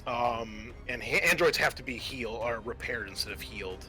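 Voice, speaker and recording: A man running a tabletop horror game as game master talks informally, reasoning through the rules aloud between stretches of narration. His medium-pitched voice is bright and forward at normal speed, with faint music behind him. The audio quality is poor.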